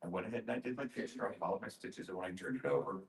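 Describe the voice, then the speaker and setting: A man's voice: deep voice, very fast. A man asking a casual question from the audience at a workshop, explaining himself earnestly step by step. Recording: roomy, echoing live event sound.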